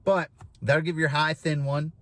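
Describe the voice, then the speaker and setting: A man's voice: a little high, fairly even intonation, measured pace, sharp tone. A man in his thirties giving an informal instructional demonstration, explaining step by step and repeating key phrases. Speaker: goose calling instructor. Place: inside a parked vehicle.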